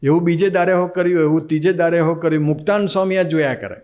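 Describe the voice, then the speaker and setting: A man's voice: fairly high pitch, fast talker. A man with a Gujarati accent, a swami giving a devotional sermon who tells stories and acts out the dialogue. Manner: animated storyteller acting out quoted dialogue.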